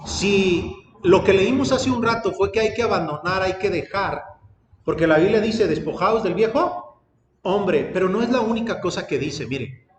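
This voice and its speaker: A man preaches a sermon in a high voice. He tells stories, voices the people in them, and builds up lists with rising emphasis. His voice rings through an echoey church hall with a long reverb and faint background noise. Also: expressive, moderate pace. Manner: storytelling, acts out dialogue, rises to emphatic lists. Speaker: pastor.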